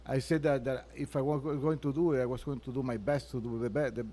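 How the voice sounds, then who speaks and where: A man with a mellow, relaxed voice at a medium pitch, answering interview questions about himself. He talks earnestly, stops and restarts his sentences often, and is recorded inside a restaurant. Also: a little hiss or hum. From Venezuela. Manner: earnest, halting, with frequent restarts. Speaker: chef and restaurant owner, guest.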